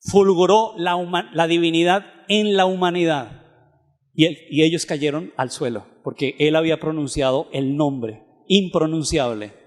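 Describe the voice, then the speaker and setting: High-voiced man teaching in reverberant hall. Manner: asks the audience frequent questions; reads scripture aloud, slowing on verses. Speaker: theology seminar lecturer. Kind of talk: Bible teaching lecture.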